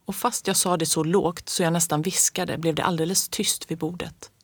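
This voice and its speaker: Calm reader telling a storybook tale. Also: medium pitch, slightly rough, no echo. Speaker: audiobook reader. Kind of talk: storybook narration in the first person of a child.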